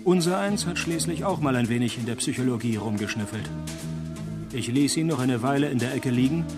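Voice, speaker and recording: An actor playing a cynical, wisecracking private detective in a noir parody radio drama, with dry deadpan delivery. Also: male voice, medium pitch, fairly quick, music in the background, close to an everyday voice. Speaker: narrator and lead actor of a detective radio play.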